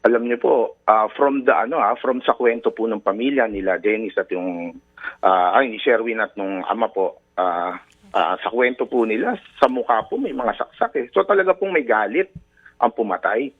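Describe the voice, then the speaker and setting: A man's voice: lowish voice, moderate pace. A man calling in as a lawyer, speaking politely and deferentially and hesitating with many fillers. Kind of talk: phone interview. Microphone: telephone. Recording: tinny phone line.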